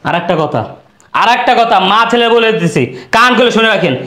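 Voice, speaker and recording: Man playing a bullying husband, hectoring, bright tone, echoey room. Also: sits high, expressive, a little fast. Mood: angry bullying. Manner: hectoring, shouting threats. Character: greedy bullying young husband, threatening. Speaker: son-in-law demanding money. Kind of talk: amateur short-film acting.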